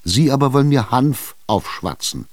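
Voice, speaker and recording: A man's voice: mid-range voice, animated, moderate pace, darkish tone, dry recording, voice pushed up, close to an everyday voice. A man playing a pushy, exasperated schemer. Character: impatient, scheming middle-aged male buyer. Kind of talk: radio drama reading.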